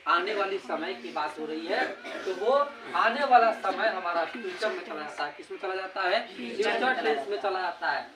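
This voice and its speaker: Man teaching in a Bihari accent, echoey. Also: sits high. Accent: Bihari Hindi. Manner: drilling, asks and answers own questions. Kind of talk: classroom grammar lesson. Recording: echoey room, distant mic, background noise.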